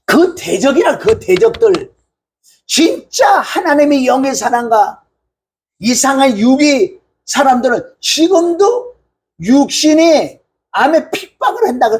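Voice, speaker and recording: A male pastor preaching a fervent sermon. He swings between loud outbursts and low asides, and his voice cracks with emotion. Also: big pitch swings, slow, a little hiss or hum.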